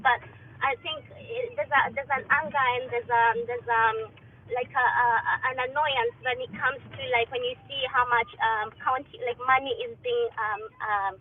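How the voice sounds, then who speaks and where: A woman from Kenya speaking earnestly and hesitantly in a casual discussion, heard through a Bluetooth headset mic that sounds far off. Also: sits high. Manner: earnest, hesitant, with many restarts. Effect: Bluetooth headset mic, heard as if from afar. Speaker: diaspora participant in an online audio discussion. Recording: tinny Bluetooth call line with faint noise.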